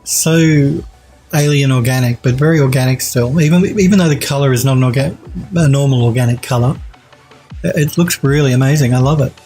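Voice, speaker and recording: Over soft music in his indoor home streaming room, a 3D art streamer in his forties critiques viewer work casually and eagerly, his voice a bit nasal from a head cold. He speaks a little fast, with a mellow, medium-pitched tone. Praise gets repeated, and he often restarts his thoughts.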